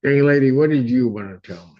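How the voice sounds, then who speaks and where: The judge has a medium-pitched voice and talks a little fast, cutting in repeatedly with "ma'am" as he questions firmly. The audio from the courtroom is dull.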